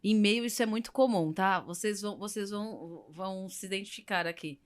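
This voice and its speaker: A Brazilian woman speaking as a therapist guest in a relaxed podcast chat, at an ordinary mid pitch for a woman. She talks directly and with energy, slipping into little voices to act out the people she quotes. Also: a little fast. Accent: Brazilian Portuguese. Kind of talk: casual podcast conversation.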